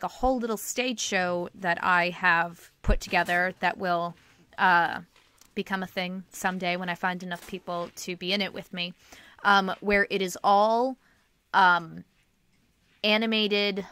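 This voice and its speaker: A woman hosting a podcast, telling rambling animated stories in casual chat. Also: mid-range voice, unhurried, smooth, dry recording. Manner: animated, rambling storyteller, breaks into singing. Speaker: podcast host.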